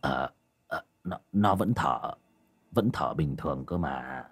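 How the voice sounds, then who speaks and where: A man voicing a gruff, worried old village father in a low, slow voice, in a spoken horror tale. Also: animated, exaggerated voice.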